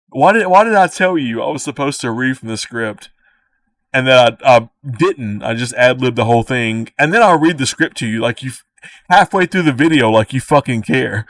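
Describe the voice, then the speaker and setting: A man's voice: mid-range voice, a bit bright, no echo. Rambling Cajun man, dry, mic a bit far. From Louisiana. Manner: laughing asides, swears often, repeats himself. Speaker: creator reacting to his own old video. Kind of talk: rambling, profane casual commentary.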